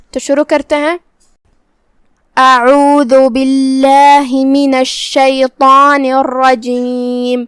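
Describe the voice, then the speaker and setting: A woman with a high, light voice leads a slow recitation lesson and goes through each letter with careful, patient explanation. The sound is dry and close, with no room echo. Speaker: Quran recitation teacher.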